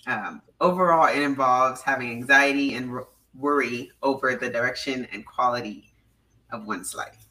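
A young woman in her twenties hosts a casual podcast, talking in a chatty, giggly way full of fillers. Her voice is bright and forward. She sounds a bit distant from the microphone. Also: extremely low pitch, normal speed. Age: 20s. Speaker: podcast host.

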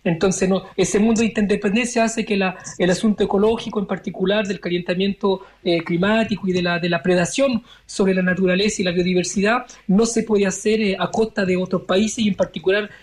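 A man in his forties, born in Chile, answering interview questions as a member of parliament in a measured way, searching for his words. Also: high voice, steady tone. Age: 40s.

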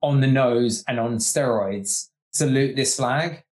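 A man from the UK chatting casually on a podcast, his voice sitting at an ordinary middle pitch. He rambles, stacks up fillers and gets animated while he works through an idea. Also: slow pace. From United Kingdom. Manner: rambling, heavy use of "like", animated. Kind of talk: casual chat.

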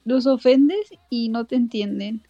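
A woman, chatting quickly and casually with friends. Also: a little high, dark tone, no room sound, faint music behind. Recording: muffled, lo-fi mic.

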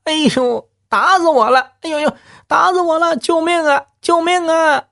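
A man's voice: extremely high pitch, normal speed, gravelly, sharp tone, voice pushed up, full character voice. A man voicing a shameless village scoundrel with a wheedling, mocking, whiny way of talking. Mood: wailing.

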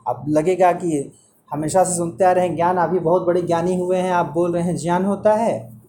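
A man's voice: high voice, steady tone, normal speed, dark tone, a little hiss or hum. A man teaching Hindi pronunciation to a student one-on-one, patiently repeating sounds and correcting mistakes.

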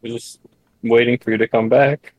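A man's voice: medium pitch, flat delivery, moderate pace, darkish tone, lo-fi sound. A man playing a tabletop role-playing game, speaking casually in character with hesitant restarts.

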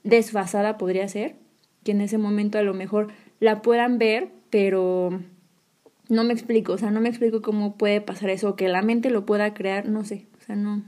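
A woman's voice: medium pitch, little pitch movement, moderate pace, a little mellow. A woman with a Mexican Spanish accent telling a personal story in casual chat, acting out her own reactions.

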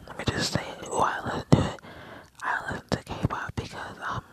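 A teenage girl whispering a rambling first podcast episode, mouth right next to her headset mic. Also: rough recording. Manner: rambling, giggly filler-heavy whisper. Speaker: podcast host. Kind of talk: whispered ASMR-style chat. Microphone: headphones with mic right at mouth.

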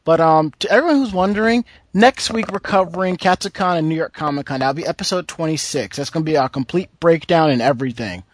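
A man's voice: a little high, fast talker, few pauses, no echo. A man hosting a podcast in casual banter, opinionated and given to emphatic repetition. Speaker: podcast host. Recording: music playing behind the voice.

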